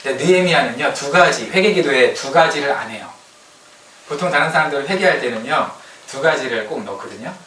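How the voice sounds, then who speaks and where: A man preaching a sermon in an animated way, often asking the congregation questions. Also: medium pitch, a little fast. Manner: animated, asks the congregation questions and acts out quoted complaints. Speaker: pastor. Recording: echoey hall, voice from a distance, light room noise.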